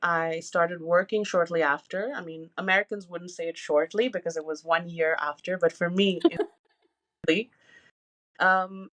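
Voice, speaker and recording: A woman's voice: on the low side, steady tone, moderate pace, a bit bright. A woman in her thirties co-hosting a podcast, talking candidly and openly with many "you know" fillers. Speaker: podcast co-host. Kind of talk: casual personal podcast talk.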